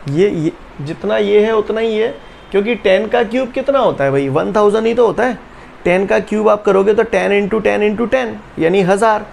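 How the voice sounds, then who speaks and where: A man teaching physics in a high, gravelly voice, speaking. He coaxes and teases his students, checks over and over that they follow, and leads them in rote chants. A faint hiss of noise sits under the recording. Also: normal speed, darkish tone. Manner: teasing, repeats questions to students, drills chants. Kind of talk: online class lecture.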